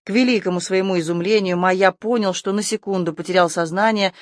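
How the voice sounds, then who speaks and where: An audiobook narrator reading a tense adventure story with steady, scripted delivery. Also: mid-range voice, fairly quick, no room sound, studio quality.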